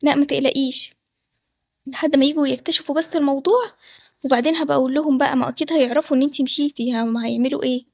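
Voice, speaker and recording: A woman's voice: high voice, steady tone, rapid-fire, vocal fry, darkish tone, dry recording. A woman with an Egyptian accent voicing a loyal, nervous young friend who asks worried, hesitant questions. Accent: Egyptian Arabic.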